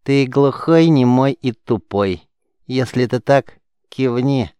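A man's voice: medium pitch, slow pace, warm tone, clear, resonant tone, no echo, voice pushed up, lightly acted. A man voicing a cheeky small street boy who mocks and squabbles in slang, in an audiobook. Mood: mocking.

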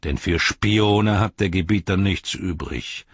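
A man reading an audiobook and voicing a sneering, mocking male herald of a dark lord, with a taunting, gloating manner. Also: deep voice, slow pace, breathy edge, no echo, highs cut off, exaggerated voice. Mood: menacing.

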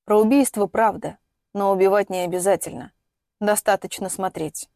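A woman's voice: mid-range voice, fairly even intonation, normal speed, warm tone, dry recording, studio quality, close to an everyday voice. A woman voicing an earnest, defensive young son in an audiobook reading.

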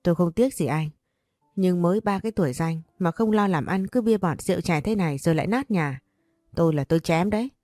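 A woman's voice: on the low side, a little fast, warm tone, no echo, faint music behind, natural voice. A woman voicing a harsh, scolding middle-aged mother who runs a shop, cutting in her words.

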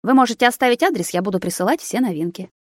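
A woman voicing a scheming young witch who runs a bakery, in a storybook reading, talking in a brisk, lively way. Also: fairly high pitch, no room sound, clean studio sound, voice pushed up.

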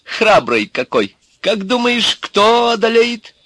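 A man voicing a fawning, scheming woman, a witch's daughter, in a wheedling falsetto. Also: lively intonation, unhurried, fairly bright tone, dry recording, heavily acted. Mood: flattering.

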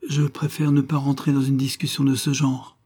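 A man's voice: medium pitch, little pitch movement, moderate pace, dark tone, pitched above the performer's own voice, lightly acted. A man reading an audiobook, voicing a proud, cold young noblewoman who speaks icily and haughtily. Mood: icy. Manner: icy, haughty.

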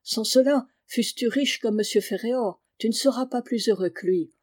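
A woman's voice: a little high, normal speed, a little mellow, dry recording, studio quality, natural voice. A woman voicing a stern village schoolmaster lecturing a pupil. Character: stern moralizing village schoolmaster, older man.

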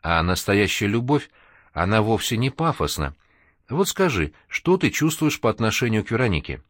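A man's voice: lowish voice, very animated, brisk, no room sound, studio quality. A man reading an audiobook, voicing a caring young woman who encourages a friend in a soothing manner. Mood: lively.

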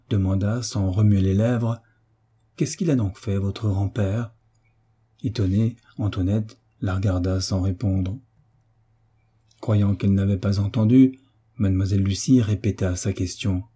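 A man's voice: fairly low pitch, dark tone, husky. A man narrating a classic novel as an audiobook, lifting his voice for the characters' lines.

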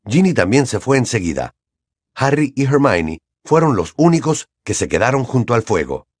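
A man narrating an audiobook in an expressive storytelling manner. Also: medium pitch, moderate pace, breathy edge, no room sound, clean studio sound. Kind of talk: scripted narration.

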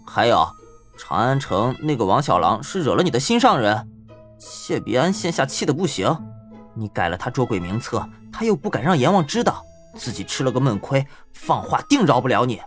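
A man's voice: mid-range voice, sing-song, normal speed, faint music behind, lightly acted. A man voicing a mocking little yaksha ghost. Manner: mocking, scolding. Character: small green-skinned male yaksha ghost, sharp-tongued. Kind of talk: audio drama acting.

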